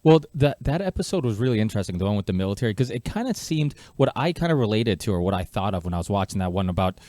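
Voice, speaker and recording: A man's voice: fairly low pitch, big pitch swings, racing, warm tone, no room sound, studio quality. A man born in Portugal hosting a podcast, talking in a loose, chatty way. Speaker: podcast host. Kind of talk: casual podcast conversation.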